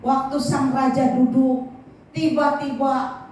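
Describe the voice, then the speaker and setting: A woman pastor telling a lively story in a sermon and speaking directly to the congregation. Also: sits high, slow pace. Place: large church hall. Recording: echoey church hall from far off.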